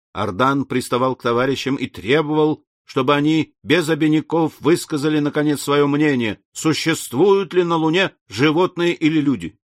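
A man's voice: medium pitch, no echo. Man narrating an audiobook, dry close sound. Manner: steady, deliberate reading. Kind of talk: scripted narration.

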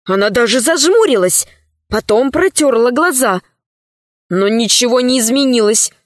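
A woman narrating a children's adventure book in a calm, unhurried, clear reading voice. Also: a little high, no echo, clean studio sound. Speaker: storyteller.

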